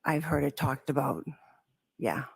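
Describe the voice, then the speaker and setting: A woman's voice: a bass voice, expressive, measured pace, gravelly, darkish tone, breathy edge. A middle-aged woman testifying as a witness, giving brief, hesitant answers, heard in a courtroom recording. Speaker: trial witness.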